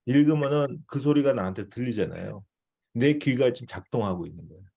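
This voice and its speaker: A man's voice: mid-range voice, animated, brisk, vocal fry, warm tone. A male missionary teaching a devotional seminar in a conversational way, often checking in with his listeners.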